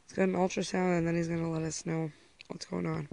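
A woman's voice: on the low side, flat delivery, quick pace, gravelly, darkish tone. A woman chatting casually to her camera as she shows off her garden and her lunch. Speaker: family vlogger. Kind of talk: casual vlog narration. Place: home and backyard garden, outdoors at times.

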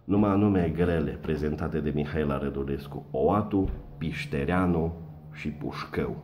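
A man with a very deep voice runs through a satirical monologue. He mocks his targets with dry sarcasm and wordplay. He talks to camera like a regular online commentator. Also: a little mellow. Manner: mocking, sarcastic, punning.

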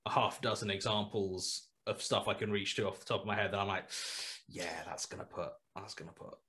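A man with a low voice speaks a little fast over a headset mic on a video call, from a small room at home. He's a guest on a casual interview, a horror podcast writer who rambles, restarts often, and throws in animated asides.

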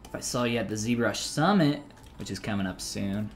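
A man's voice: lowish voice, normal speed, faint music behind. A man in his thirties, talking casually and joking while he teaches 3D sculpting on a live stream, reading chat messages aloud between steps.

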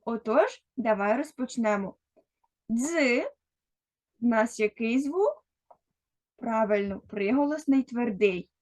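A woman's voice: fairly high pitch, lively intonation, a little slow, darkish tone. A woman teaching a first-grade literacy lesson, speaking patiently and directly to a young child. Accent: Ukrainian. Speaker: primary school teacher.

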